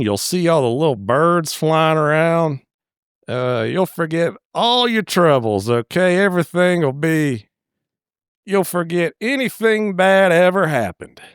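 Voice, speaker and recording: A man's voice: fairly high pitch, clean tone, dry recording, studio quality. A man voicing a pushy, crude rich young man who brags and coaxes. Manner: brash, crude, wheedling.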